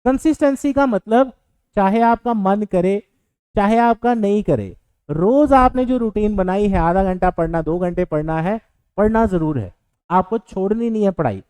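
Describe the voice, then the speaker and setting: Guy teacher giving a pep talk to exam students, warm smooth voice, dry sound. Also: high voice, animated, moderate pace, dry recording, low-quality recording. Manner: earnest, advising, with fillers and English words mixed in. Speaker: coaching teacher. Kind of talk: motivational lecture to exam aspirants.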